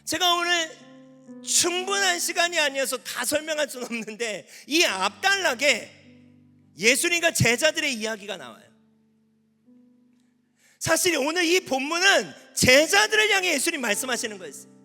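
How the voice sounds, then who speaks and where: A man preaching at a youth camp as pastor, animated, asking the audience questions and at times shouting. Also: extremely high pitch, moderate pace, gravelly. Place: large hall at a youth camp. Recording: long hall reverb with faint instrument music.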